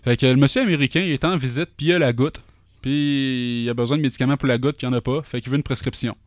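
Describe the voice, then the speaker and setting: A man's voice: medium pitch, fast, no echo, studio quality. A middle-aged man with a Québécois French accent, telling a long anecdote in casual chat, full of fillers and asides.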